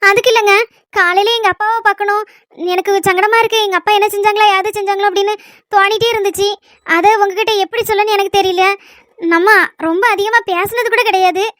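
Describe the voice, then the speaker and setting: A woman playing a shy, grateful young wife who speaks softly and hesitantly in a family skit. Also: very high voice, fairly even intonation, dry recording, studio quality. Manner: soft, hesitant, quick.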